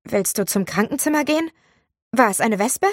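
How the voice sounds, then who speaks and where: A woman's voice: a little high, animated, normal speed, no room sound, studio quality, pitched above the performer's own voice. A woman voicing a male teacher who gives urgent orders. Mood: concerned. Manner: urgent, commanding.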